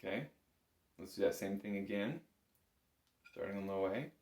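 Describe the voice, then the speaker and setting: In a roomy, echoing indoor space, a man with a deep, slightly mellow voice speaks at a moderate pace. He's a bagpipe instructor running a casual, conversational lesson, walking through exercises in an encouraging, self-deprecating way.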